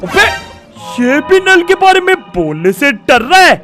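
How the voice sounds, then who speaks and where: Excitable young man narrating gameplay. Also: very high voice, measured pace, over music. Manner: animated, exclaiming, bursts of shouting. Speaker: gaming video host.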